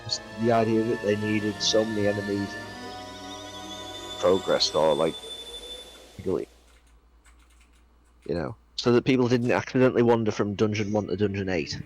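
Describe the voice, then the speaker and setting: A man's voice: fairly low pitch, moderate pace, pauses often, faint music behind. Rambling, swearing man in casual gaming chat. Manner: rambling, swears casually, laughs while telling stories. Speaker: co-op stream guest.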